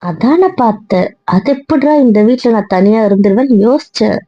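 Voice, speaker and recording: A woman's voice: fairly high pitch, expressive, moderate pace, no echo. A woman playing a stubborn, pleading young wife. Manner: earnest, repetitive pleading. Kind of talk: hobby audio drama. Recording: dull dry lo-fi sound.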